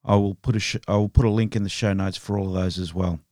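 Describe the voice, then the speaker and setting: A man hosting a podcast, narrating a true crime story in a steady, measured way. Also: fairly low pitch, dry recording, studio quality. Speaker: podcast host.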